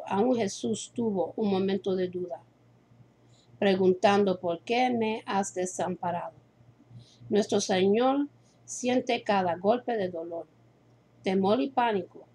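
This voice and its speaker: Slow, mellow-voiced woman reading a sermon. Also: mid-range voice, slightly rough. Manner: slow, deliberate reading with self-corrections. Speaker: preacher reading a devotional. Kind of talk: read-aloud sermon with scripture citations.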